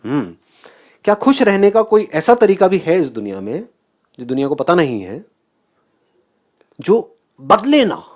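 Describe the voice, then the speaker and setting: A man's voice: a little high, very animated, measured pace, pauses often, a little mellow. A man giving a motivational talk, asking the audience questions and mixing English phrases into his speech. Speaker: motivational speaker.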